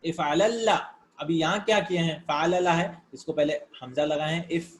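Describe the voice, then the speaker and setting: A fairly high-pitched man teaches Arabic grammar informally, voicing words and breaking them down with a mix of English terminology, occasionally musing out loud.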